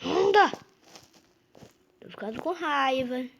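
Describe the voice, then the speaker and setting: A woman's voice: sits high, slow, muffled recording. A woman with a Brazilian Portuguese accent giving live gameplay commentary, impatient and repeatedly urging things along. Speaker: gameplay youtuber. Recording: loud background noise.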